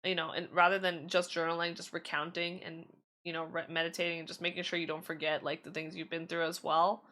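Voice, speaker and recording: A woman's voice: fairly low pitch, level tone, brisk, pushed and bright. A woman streaming tarot readings in casual chat, chatty and giggly with lots of fillers, her voice slightly strained.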